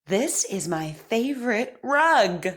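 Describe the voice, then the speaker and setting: Over-enunciating woman, high-pitched, slow and deliberate. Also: very animated. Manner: encouraging. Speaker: speech articulation teacher. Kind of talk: articulation drill lesson, reading practice sentences.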